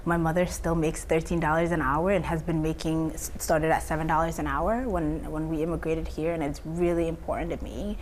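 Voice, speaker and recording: Low-voiced young woman senator. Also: steady tone, fairly quick, few pauses, a little mellow, a little hiss or hum. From Somalia. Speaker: state senator. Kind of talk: interview answers.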